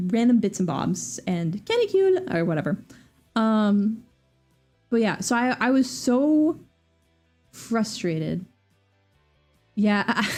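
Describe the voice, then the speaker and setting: Brief: young female streamer, casual rambling chat, animated voice, faint music under it. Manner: animated, jumps to high squeaky voices when quoting people.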